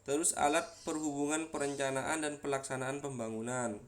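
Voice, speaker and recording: A man's voice: medium pitch, steady tone, moderate pace. A man giving a university lecture, explaining step by step with frequent fillers and repeated words.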